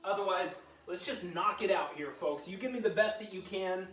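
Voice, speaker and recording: A man's voice: sits high, normal speed, a bit bright. A man leading a live workout class, giving upbeat, encouraging countdown cues with a joking edge. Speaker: fitness instructor. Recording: roomy sound, mic at a distance.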